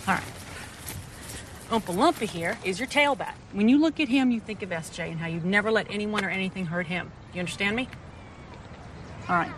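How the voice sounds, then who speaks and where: A woman's voice: mid-range voice, fairly quick, long pauses, close to an everyday voice. An actress playing a firm, caring adoptive mother who coaxes a boy, in a film clip. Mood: firm, coaxing. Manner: firm, coaxing. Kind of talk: film scene. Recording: noisy outdoor film clip.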